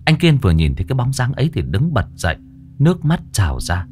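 A man narrating a ghost story in a dramatic, expressive way. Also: medium pitch, quick pace.

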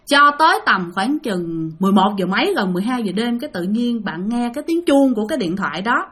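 A woman's voice: fairly high pitch, big pitch swings, fast talker, fairly bright tone. A woman with a Southern Vietnamese accent, chatting to listeners as she retells ghost stories they sent in. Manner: chatty, addresses listeners directly. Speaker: storyteller.

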